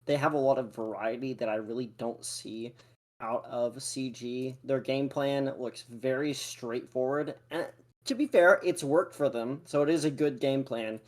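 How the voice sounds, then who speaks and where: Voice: medium pitch, unhurried, a little mellow. An esports analyst giving casual pre-match commentary at the desk.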